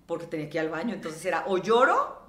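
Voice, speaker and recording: A middle-aged Mexican woman talking casually in an interview, animated and acting out quoted dialogue. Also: lowish voice, quick pace, reverberant. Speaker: guest.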